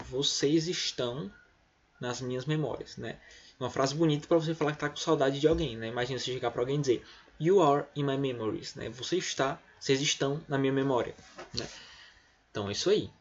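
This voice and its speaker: A man's voice: medium pitch, brisk, slightly rough, highs cut off. A man teaching an English class in Brazilian Portuguese, explaining step by step and often checking with "tá?" and "né?". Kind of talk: recorded remote lesson.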